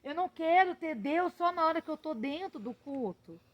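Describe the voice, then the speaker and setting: A woman missionary delivers a heartfelt sermon in a notably high voice. She speaks with passion and pushes up to emphatic peaks. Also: animated, normal speed, poor audio. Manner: impassioned, rising to emphatic peaks. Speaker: missionary preacher.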